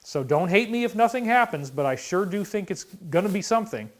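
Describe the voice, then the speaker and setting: High-voiced emphatic male commentator. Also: lively intonation, brisk. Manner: emphatic, emotional, shifts to loud outbursts. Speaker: online commentator. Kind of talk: conspiracy commentary monologue.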